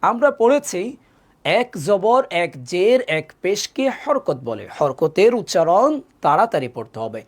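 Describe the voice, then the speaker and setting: Guy teaching quran letters online, stretches each sound slow and lifts it up high, then rattles off quick asides. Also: very animated. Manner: drills letters slowly, rising pitch on repeated syllables; quick asides when explaining. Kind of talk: live online Quran lesson.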